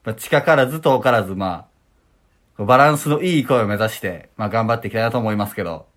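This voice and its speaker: A man's voice: lowish voice, quick pace, fairly bright tone. A man who is a junior comedian answers his senior's coaching with polite, earnest short replies and flustered denials. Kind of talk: comedic banter on a radio-style show.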